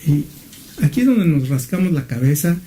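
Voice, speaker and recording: A middle-aged man from Mexico preaching a sermon as pastor, often asking his listeners questions and filling pauses with "este". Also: on the high side, expressive, dark tone. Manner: asks the listeners questions, uses fillers like "este".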